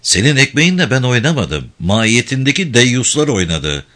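A man's voice: medium pitch, sing-song, moderate pace, fairly bright tone. A man playing a proud, stubborn old notable. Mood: defiant. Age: older. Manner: haughty, defiant. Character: proud elderly local notable, stubborn and threatening.

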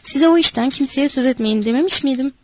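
An irritable, scolding ranch worker, as a woman acts him out, gruff and exasperated. The voice carries high and loud in a dry, close sound. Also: fast talker, no echo.

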